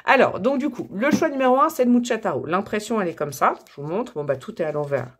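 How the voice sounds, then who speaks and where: A woman's voice: mid-range voice, expressive, fast talker, breathy edge. A French woman talking casually to her viewers while drawing tarot cards, chatty and full of fillers and self-corrections. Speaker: tarot reader and channel host. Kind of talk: casual tarot reading to camera.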